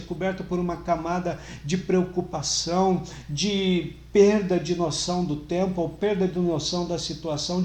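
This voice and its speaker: A middle-aged pastor preaching in a reverberant church room. His voice sits somewhat high for a man, and he delivers the sermon earnestly, swelling louder to press a point and sinking soft for tender moments. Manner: earnest, rises and falls in volume for emphasis.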